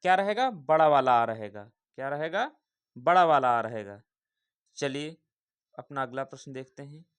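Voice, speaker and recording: A man's voice: medium pitch, animated, normal speed, clear, resonant tone. A man teaching an exam-prep spelling lesson, repeating each word and asking viewers questions.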